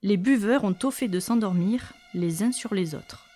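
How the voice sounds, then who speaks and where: A woman reading a children's story aloud in a lively, expressive way. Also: mid-range voice, normal speed, soft background music.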